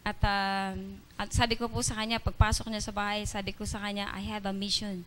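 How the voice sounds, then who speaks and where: A woman giving an earnest church testimony during an evening service, halting often with fillers and restarts. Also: mid-range voice, little pitch movement, fairly bright tone, slight background noise. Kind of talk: spoken testimony in Tagalog-English mix.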